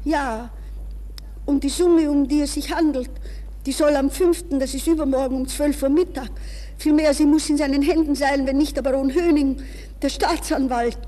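Heard on a hissy, echoing 1960s radio recording, a woman with a high-pitched, dark voice speaks at normal speed with fairly even intonation, lightly acted. Playing an anxious, proud young woman in 1960s radio-drama fashion, she pleads nervously and breathlessly, switching between courteous speech and private thoughts.

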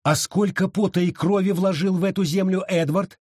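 A man voicing an outspoken, defiant young colonial wife in an audiobook, with a sharp, indignant delivery. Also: high voice, fairly even intonation, moderate pace, slightly rough, dry recording, clean studio sound, pitched above the performer's own voice. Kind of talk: audiobook reading.

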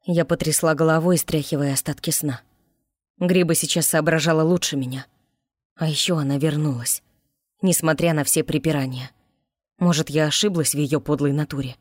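A woman narrating a fantasy audiobook in first person with an expressive reading. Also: deep voice, normal speed, no room sound, studio quality.

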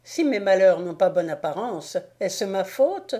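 A woman's voice: medium pitch, big pitch swings, unhurried, warm tone. A woman reading an audiobook, voicing a wretched male devil disguised as an old slave who pleads and groans in self-pity. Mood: wheedling.

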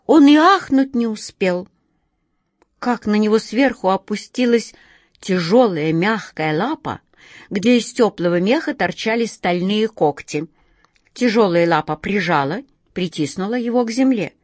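Expressive woman narrating a children's tale. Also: mid-range voice, a little slow, no room sound, clean studio sound. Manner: expressive, addresses listeners directly. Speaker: storyteller. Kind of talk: storybook narration.

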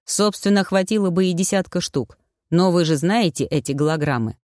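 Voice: mid-range voice, normal speed, darkish tone, no room sound, studio quality, close to an everyday voice. A reader voicing a smug, self-satisfied male cyborg inventor who lectures the others, in an audiobook. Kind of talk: audiobook reading.

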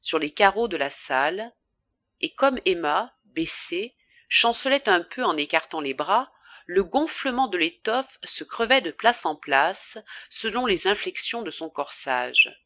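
A woman reading a classic novel aloud as an audiobook narrator, with expressive, varied intonation. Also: lowish voice, unhurried, no echo. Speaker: audiobook reader.

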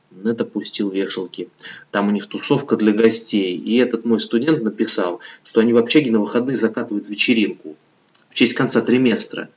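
Low-voiced man narrating an audiobook. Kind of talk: scripted narration.

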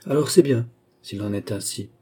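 Man reading as devoted young noble lady, gentle, soft lifted tone, husky undertone. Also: mid-range voice, moderate pace, close to an everyday voice. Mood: tender. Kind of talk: audiobook reading.

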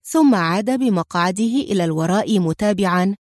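A woman narrating an audiobook with steady storytelling. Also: mid-range voice, a little fast, no echo, clean studio sound.

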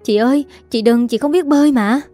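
An earnest little village girl from a storybook, voiced by a woman narrator. She pleads in a raised, mellow voice. Soft music sits underneath. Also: sits high, brisk, pitched above the performer's own voice. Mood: pleading.

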